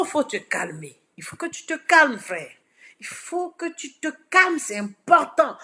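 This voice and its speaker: A woman with an Ivorian accent giving advice straight to camera. She swings from shouting to soft, low pleading and repeats words for emphasis. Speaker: political social media commentator. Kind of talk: direct-to-camera message.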